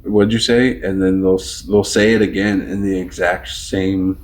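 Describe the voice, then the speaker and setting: A man in his thirties co-hosting a casual podcast, rambling with lots of fillers and loudly mimicking conversations. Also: low voice, flat delivery, normal speed, slight background noise. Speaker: podcast co-host. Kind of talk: casual chat.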